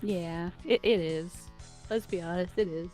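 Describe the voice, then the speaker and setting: A woman, a game developer, chatting casually on a stream, self-deprecating and quick to laugh. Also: fairly low pitch, darkish tone, soft background music. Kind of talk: casual live-stream chat.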